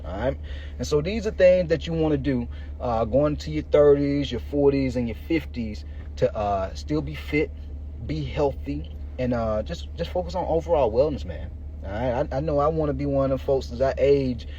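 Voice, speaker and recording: With a dark, mid-range voice at a moderate pace, this fitness coach in his thirties hosts a podcast. He delivers a casual, slangy motivational monologue directly to listeners. Expect muffled, noisy lo-fi sound.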